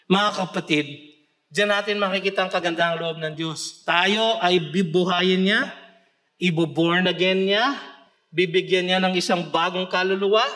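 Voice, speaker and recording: A man with a Filipino accent preaching a sermon, mixing Tagalog with English scripture quotes and swelling into emphatic shouts. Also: sits high. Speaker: pastor. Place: church.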